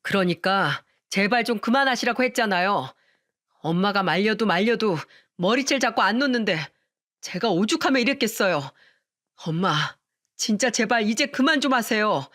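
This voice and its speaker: A woman's voice: medium pitch, lively intonation, moderate pace, fairly bright tone, natural voice. A woman voicing an earnest husband in a radio story, speaking firmly and pleadingly to his mother and his wife. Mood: firm, exasperated. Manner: firm and pleading, then tender.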